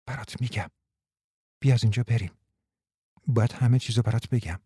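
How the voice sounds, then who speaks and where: A man voicing a determined, scheming young wife who speaks in a hushed, coaxing way. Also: medium pitch, husky, dry recording, studio quality, close to an everyday voice.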